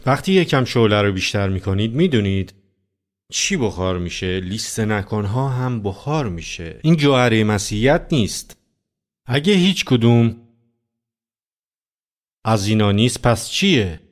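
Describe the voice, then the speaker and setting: Lowish-voiced man preaching conversationally. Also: animated. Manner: conversational, asks the audience many rhetorical questions. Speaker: pastor. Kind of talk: sermon.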